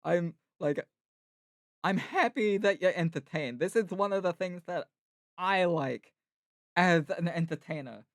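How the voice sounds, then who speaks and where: A man voicing a loud, cheery male clown with a sing-song showman delivery. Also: high voice, a little slow, no room sound, clean studio sound. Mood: chirpy. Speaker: streamer and voice actor.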